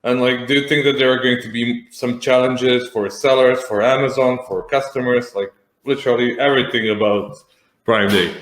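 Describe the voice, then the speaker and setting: A man's voice: medium pitch, steady tone, moderate pace, a bit bright. A man from Serbia with a Serbian accent, hosting a casual interview in an informal, hesitant, rambling way. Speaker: host. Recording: echoey room sound.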